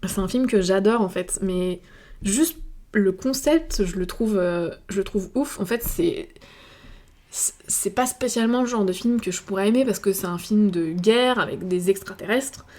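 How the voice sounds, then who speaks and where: A woman's voice: medium pitch, moderate pace, darkish tone. A woman from France with a French accent, talking casually to her viewers and thinking aloud, with many fillers and restarts. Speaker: video creator. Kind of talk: casual reflective monologue to camera.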